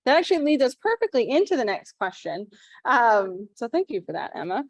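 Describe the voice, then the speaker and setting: A woman moderating a panel over a video call, asking questions briskly. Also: on the high side, big pitch swings, dry recording.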